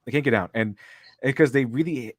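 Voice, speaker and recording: A man's voice: medium pitch, brisk, dry recording. Sarcastic man on a livestream. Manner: mocking, sarcastic, laughs often. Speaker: streamer and co-host. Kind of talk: casual livestream chat.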